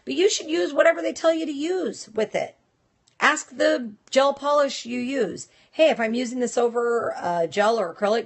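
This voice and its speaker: Chatty lady doing a live stream, kinda high voice, straight-talking, answers viewers as she goes. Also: a bit bright. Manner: chatty and direct, reacting to viewers. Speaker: host of a nail industry live stream. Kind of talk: casual live-stream talk.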